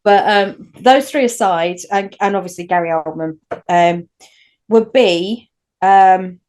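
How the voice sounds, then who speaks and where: A woman with a Northern English accent co-hosts a casual podcast, rambling through her points and often restarting. Her voice is fairly low and darkish, and she speaks at a measured pace.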